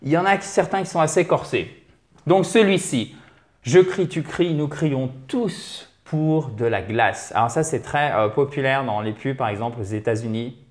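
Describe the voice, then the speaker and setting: A man's voice: mid-range voice, moderate pace. A man hosting a language lesson, chatty and encouraging as he explains pronunciation with energy. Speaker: language teacher and host. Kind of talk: lively video lesson.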